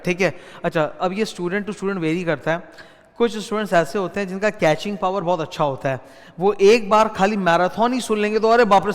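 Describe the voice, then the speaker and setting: A male teacher with an Indian English accent runs an exam revision lecture and keeps switching between Hindi and English. His voice sits high for a man and is lively, and he talks straight to his students to reassure them. A long reverb hangs on every sentence.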